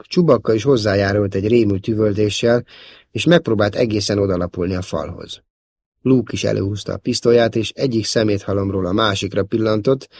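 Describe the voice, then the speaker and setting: A man giving a steady, dramatic audiobook narration. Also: on the low side, breathy edge, dry recording. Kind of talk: scripted narration.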